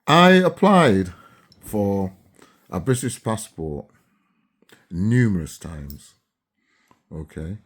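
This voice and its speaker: Extremely slow and pausing often, a man in his seventies from Barbados vlogs to camera in a lowish, expressive voice. He's casual and chatty, repeatedly checking in with his viewers.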